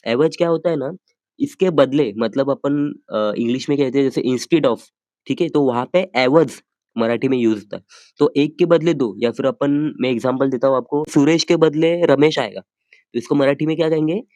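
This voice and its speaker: A man teaching a language lesson, patiently repeating each phrase slowly and checking that listeners follow. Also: medium pitch, darkish tone, dry recording. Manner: says phrases slowly and carefully for practice.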